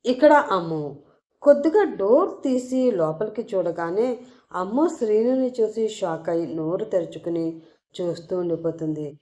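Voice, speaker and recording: A woman narrating a serialized audio story in a steady storytelling manner. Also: medium pitch, normal speed. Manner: steady storytelling with channel sign-off.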